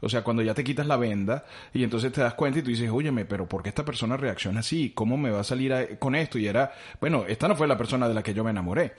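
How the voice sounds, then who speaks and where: A man in a casual chat, reflecting in drawn-out phrases as he raises a question. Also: mid-range voice.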